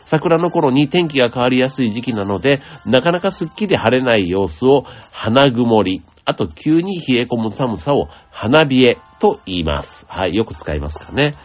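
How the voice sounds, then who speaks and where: A man hosting a radio show, explaining things in a gentle, chatty way with many asides and fillers. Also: medium pitch, very animated, moderate pace, hardly any pauses, lo-fi sound, faint music behind. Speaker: radio host. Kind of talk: casual explanatory radio talk.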